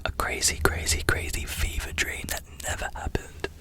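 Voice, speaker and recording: A voice in a fast ASMR whisper, breathy and fully unvoiced, tells casual stories. Words and phrases come back in little repeated loops as the whispering rushes along. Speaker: ASMR creator.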